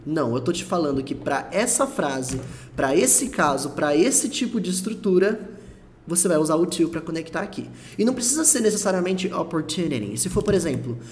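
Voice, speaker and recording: A native Portuguese speaker teaches English online, explaining phrases step by step and saying English words slowly to model pronunciation. His voice is on the high side with wide pitch swings. There's slight background noise.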